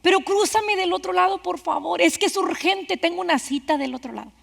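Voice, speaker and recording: A woman voicing a sly, deceitful scorpion that pleads in a whiny, soft voice in a church sermon fable. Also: very high-pitched, fairly quick, gravelly, pitched above the performer's own voice, exaggerated voice. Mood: pleading. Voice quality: whiny, wheedling and soft, dropping to a whisper. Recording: reverberant church hall.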